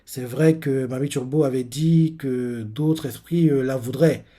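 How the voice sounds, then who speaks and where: A man's voice: medium pitch, measured pace, dark tone. A man streaming a live manga reading and reaction. He rambles and uses lots of fillers.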